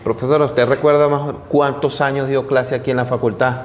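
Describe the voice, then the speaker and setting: A man with a Venezuelan accent interviewing a professor, asking halting questions full of restarts. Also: medium pitch, flat delivery. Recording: reverberant room, faint noise.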